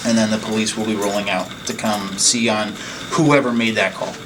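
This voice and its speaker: A man with a fairly low voice speaks at a moderate pace in a steady tone. He's a technician running an informal, hands-on staff training at an equipment station indoors, explaining each step plainly. The room is noisy, and the background noise comes through clearly.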